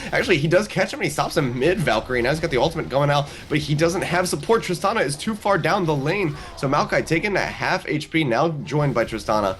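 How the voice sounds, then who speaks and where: A man calling a video game match as a play-by-play commentator, talking rapidly like an auctioneer. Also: medium pitch, a little hiss or hum. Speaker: esports commentator.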